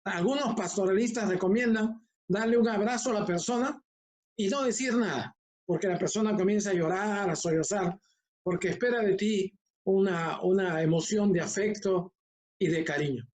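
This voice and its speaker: An older man who teaches homiletics leads an online class, calm and conversational, a short distance from his laptop mic. His voice sits high and his speed is normal.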